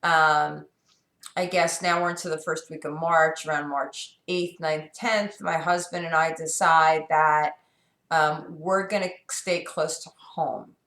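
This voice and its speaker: Speaking slowly in a deep, steady, fairly bright voice, a middle-aged New York vlogger with a sore, scratchy throat rambles candidly. Fillers and restarts come often, and the recording has an echoey room sound.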